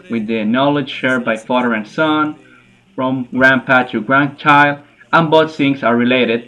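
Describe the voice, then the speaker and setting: An archaeologist answers interview questions in English, hesitating and searching for words. He speaks at a medium pitch with a sharp tone, and the recording quality is low.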